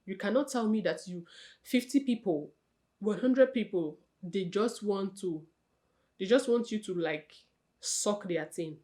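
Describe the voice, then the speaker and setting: A young woman vlogger giving casual, chatty advice straight to her viewers, expressive and correcting herself often. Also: mid-range voice, unhurried. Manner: chatty, talks straight to viewers as "you guys" and "sis"; expressive, with frequent self-corrections.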